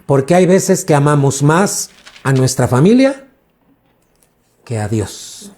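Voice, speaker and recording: Slow, mellow-voiced pastor preaching. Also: male voice, on the high side, sing-song. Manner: preaching with questions to the congregation, drawn-out emphasis. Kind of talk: sermon teaching.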